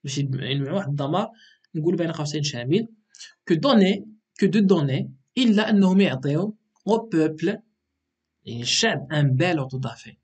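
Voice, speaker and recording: A man's voice: fairly high pitch, animated, moderate pace, husky. A man with a Moroccan accent teaching an exam revision lesson, explaining patiently and checking in with frequent "ok".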